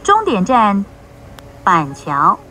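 A woman making measured, clearly enunciated train announcements, heard over the carriage's intercom loudspeaker. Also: medium pitch, wildly swooping pitch, rough recording. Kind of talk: recorded transit announcements.

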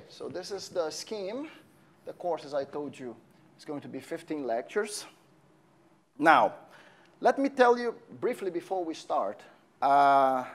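A man in his thirties from Brazil, lecturing on a lapel mic in a large empty lecture hall, friendly and halting with fillers as he writes on the board. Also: on the high side. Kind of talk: university lecture.

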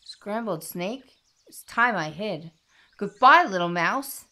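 A woman voicing a sly, hungry male snake in a storybook read-aloud, speaking in a hushed way. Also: medium pitch, animated, slow.

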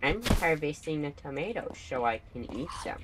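A man's voice: on the high side, lively intonation, moderate pace, fairly bright tone, slight background noise. A man hosting a gaming video, joking and exclaiming through casual banter with his friends. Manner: goofy, exclamatory, jokey.

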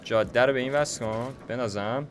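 A man's voice: medium pitch, a little hiss or hum. A young man giving casual, slangy gameplay commentary, chatting to himself as he builds. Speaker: gaming YouTuber.

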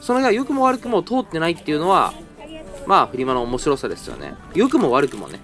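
A young man talks quickly and rambles as he narrates his browsing through a flea market, correcting himself as he goes. His pitch jumps around in a lively way. Faint music plays behind him while he speaks into a handheld camera in a parking garage. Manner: chatty, rambling, self-correcting. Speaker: toy-hunting vlogger. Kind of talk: casual narrated vlog.

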